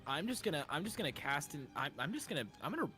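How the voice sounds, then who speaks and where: A man plays in a casual tabletop game chat. His voice is high, bright and lively, though he hesitates and repeats phrases while working out his move. Faint music sits behind him. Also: quick pace.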